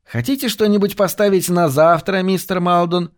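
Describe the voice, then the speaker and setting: Male narrator playing a small, eager bookie; high, rapid patter. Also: close to an everyday voice. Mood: chatty. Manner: fast, eager chatter. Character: excitable short male bookie.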